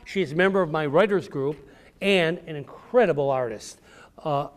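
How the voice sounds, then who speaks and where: Visiting a public library room as an author, a man talks to a group of children in an educational way, his voice on the high side and his speed normal. He speaks to them directly, going back over questions and key phrases.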